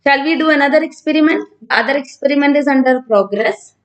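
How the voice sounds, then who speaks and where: A woman's voice: sits high, fast, highs cut off. A woman from Kerala with a South Indian accent, teaching informally on a live stream and talking conversationally as she answers students. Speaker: online physics teacher.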